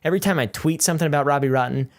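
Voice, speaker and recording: A man's voice: a little high, rapid-fire. A nineteen-year-old man reading viewer comments aloud in a casual vlog. He is goofy and self-mocking, swears, and often breaks into mock outrage. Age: late teens.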